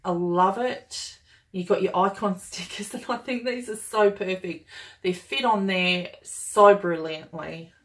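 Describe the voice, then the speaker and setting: A woman's voice: medium pitch, measured pace, a bit bright. A woman talking casually and enthusiastically as she unboxes and reviews a planner kit, gushing over each item. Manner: gushing and enthusiastic, chatty with fillers.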